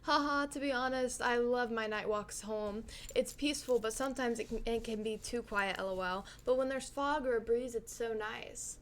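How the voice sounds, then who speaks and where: A young woman with a fairly high voice co-hosts a casual podcast. She reads text messages out loud and names every emoji along the way. She giggles often through the chat. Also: normal speed, hardly any pauses. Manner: giggly, reads texts aloud with emoji callouts. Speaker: podcast co-host. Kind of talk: casual podcast chat, reading posts aloud.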